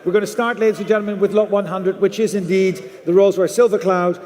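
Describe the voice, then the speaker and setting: A man runs a live auction in a high voice. He repeats figures and bids again and again as he calls for the next one. His voice rings through a large, reverberant hall. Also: fairly even intonation, fast, darkish tone. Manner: repetitive calling of numbers and bids. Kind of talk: live auction bid-calling.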